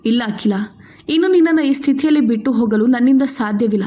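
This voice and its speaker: A woman's voice: a little high, a little fast, dark tone, close to an everyday voice. A woman voicing a young husband who speaks earnestly and protectively to his wife. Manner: earnest, pleading.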